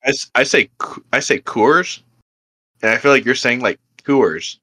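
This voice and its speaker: This young man's mid-range voice is pushed and bright, quick in pace with fairly even intonation. Co-hosting a beer podcast, he keeps the chat casual, rambling and filler-heavy, with frequent easy laughs.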